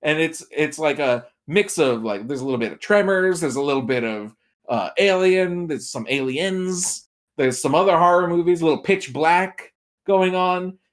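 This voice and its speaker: At a normal pace and with lively intonation, a man with a fairly high voice gives film opinions as a podcast's guest critic. His talk is a casual chat told like a story, peppered with little imagined reactions to underline what he means.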